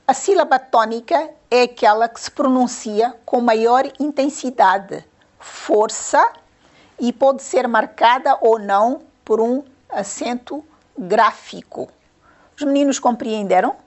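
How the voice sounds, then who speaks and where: Woman teacher, fairly high voice, patient, repeats questions, grammar lesson for kids. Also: slow. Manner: patient, repeats questions and counts syllables aloud. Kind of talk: grammar lesson to young pupils.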